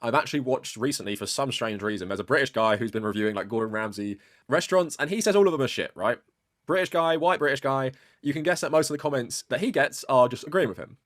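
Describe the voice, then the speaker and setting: A man narrating a commentary video in a steady, explanatory way. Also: mid-range voice, quick pace, no echo, clean studio sound. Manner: steady, explanatory, many "like" fillers. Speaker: video essay creator.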